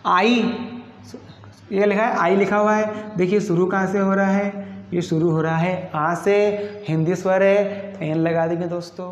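A man teaching an English lesson who keeps asking the class questions and then answering them himself. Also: high voice. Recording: echoey, muffled room recording.

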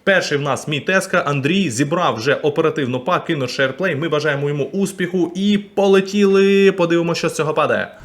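A man streaming and commenting casually on a game, excitable, bursting into loud exclamations. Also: on the high side, fast, hardly any pauses.

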